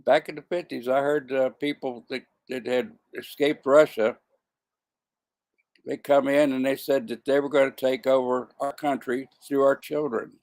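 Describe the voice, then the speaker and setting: Man, 70s, gravelly, halting delivery with frequent restarts; casual to-camera monologue. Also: medium pitch, fairly even intonation, a little mellow. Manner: stumbling, repeats and corrects himself. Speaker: vlogger.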